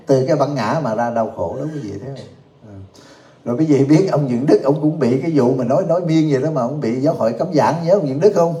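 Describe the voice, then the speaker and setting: A man's voice: medium pitch, fast talker, dark tone. Joking man in echoey hall. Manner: jokey, often laughing, asks the audience questions. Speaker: Buddhist teacher. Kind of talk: humorous Dharma talk. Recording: echoey room.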